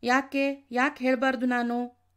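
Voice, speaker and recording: A woman's voice: high voice, little pitch movement, unhurried, fairly bright tone, clean tone. A woman reading aloud and voicing a quarrelsome retired man of seventy-five who raises his voice. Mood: indignant. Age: over 60.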